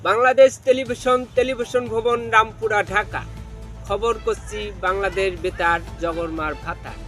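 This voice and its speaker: A man's voice: high-pitched, steady tone, normal speed, music in the background, natural voice. A man with a Bangladeshi accent playing a parody news anchor, reading absurd headlines in a mock-solemn, formal, declaiming delivery.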